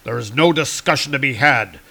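A man voicing a proud, hot-tempered male god from a comic, speaking in booming archaic declarations. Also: brisk, gravelly, pushed and bright. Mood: angry commanding.

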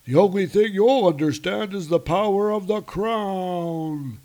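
Man voicing a huge frost giant, menacing bully, strained high delivery, odd timbre. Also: unhurried, dark tone. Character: hulking male frost giant, menacing then dazed.

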